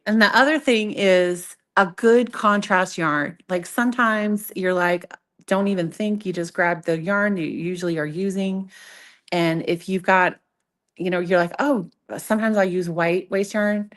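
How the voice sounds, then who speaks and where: A woman's voice: lowish voice, fairly even intonation, measured pace, a bit bright. A woman instructor giving a casual live demonstration, chatty and playful, often interrupting herself and poking fun at her own slips. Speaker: craft instructor demonstrating sock knitting. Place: live in-person event with an audience. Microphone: event microphone.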